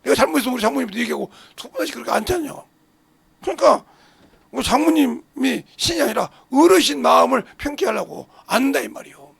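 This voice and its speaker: A pastor preaching a sermon with passion, swinging between shouts and low mutters and firing rhetorical questions at the congregation. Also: male voice, lively intonation, a little fast, vocal fry, husky, no room sound.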